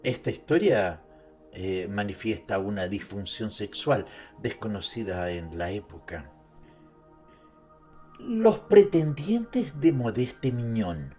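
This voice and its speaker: Slow-paced, low-voiced man narrating over music. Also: big pitch swings, warm tone. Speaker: narrator presenting an author's life and works. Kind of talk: dramatized literary narration with conversational asides. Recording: music behind the voice.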